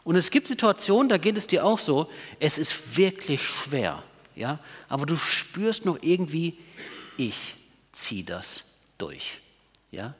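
A man delivering a sermon with a somewhat high voice that moves a lot in pitch. He talks to the congregation conversationally, often checking in with quick tag questions. His voice rings out with a long reverb, as in a big hall. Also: big pitch swings. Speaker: preacher.

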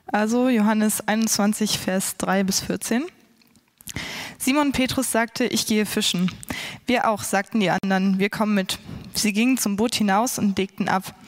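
A woman, a church intern, reading a scripture passage aloud in a steady, plain way. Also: medium pitch, moderate pace. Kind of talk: Bible reading.

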